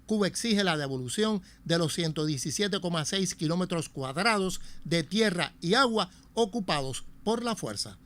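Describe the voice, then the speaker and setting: Man, Cuban accent, documentary narrator, solemn emphatic reading, slightly high voice. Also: lively intonation, moderate pace, hardly any pauses, fairly bright tone. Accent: Cuban Spanish.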